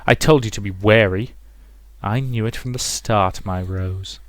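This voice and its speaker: Man voicing a slow, possessive ghostly mother. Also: lowish voice, dry recording, natural voice. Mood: cold, smothering. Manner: slow, drawn-out, cloying. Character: possessive, sinister ghostly mother crooning to her daughter.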